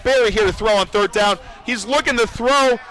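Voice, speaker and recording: Excitable young play-by-play man, high voice. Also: moderate pace. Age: young adult. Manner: excitable, rises sharply on big plays. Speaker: play-by-play commentator. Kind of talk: college football commentary.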